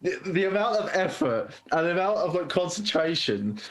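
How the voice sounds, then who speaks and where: This man's voice sits a little high as he co-hosts a casual podcast. He retells film scenes in an animated way and laughs often as he goes. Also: moderate pace. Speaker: podcast co-host.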